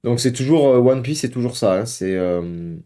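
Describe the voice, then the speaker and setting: With a mid-range, dark-toned voice and lively intonation, a young man talks at an ordinary speed while hosting a casual at-home reaction video. He's chatty, hesitates a lot, uses plenty of filler words, and keeps calling his viewers "guys."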